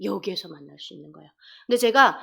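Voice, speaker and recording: A woman's voice: mid-range voice, expressive, fast talker, gravelly, a bit bright, slightly rough. A woman from Korea, speaking, preaches a sermon as a deaconess. She tells stories, acts out dialogues and asks the congregation questions. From North Korea.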